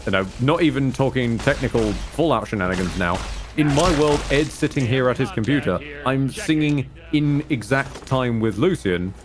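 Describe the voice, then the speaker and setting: A man's voice: medium pitch, animated, normal speed, music in the background. A man co-hosting a game stream in casual banter, rambling and joking in a wry way. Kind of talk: casual gaming banter and commentary.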